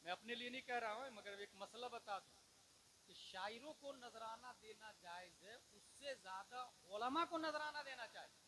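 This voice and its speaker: A man preaching a sermon, shifting from quiet talk to shouted, impassioned peaks and quick Arabic recitation. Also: extremely high pitch, a little hiss or hum, poor audio. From India. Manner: breaks into rapid Arabic recitation. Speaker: Islamic preacher.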